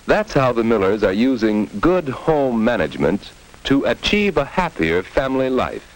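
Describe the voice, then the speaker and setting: A man's voice: mid-range voice, very animated, moderate pace, low-quality recording. A man narrating a mid-century educational film in a scripted, instructive 1950s narrator style, addressing the viewer directly on a vintage soundtrack.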